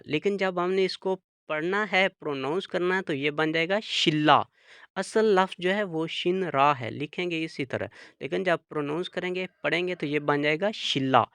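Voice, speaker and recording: A man teaching a language lesson, slowly explaining rules and repeating each example word. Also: sits high, fairly bright tone, clean tone, no room sound, studio quality. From Pakistan. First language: Urdu. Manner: spells out and repeats example words.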